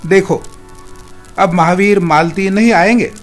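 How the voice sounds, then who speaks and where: A man voicing a calm compassionate woman who speaks gently and soothingly. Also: sits high, a little slow, faint music behind.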